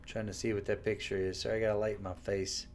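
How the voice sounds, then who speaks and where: A man casually commenting on a horror game while he plays, relaxed and musing. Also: on the low side, fast talker, a little hiss or hum. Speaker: gameplay commentator. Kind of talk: casual let's play commentary.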